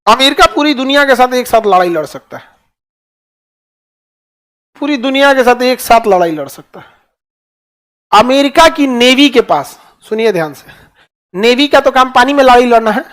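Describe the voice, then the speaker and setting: A man's voice: extremely high pitch, expressive, normal speed, pauses often, a bit bright. A man teaching a classroom lecture in colloquial Hindi with a Bihari accent, often asking his listeners rhetorical questions.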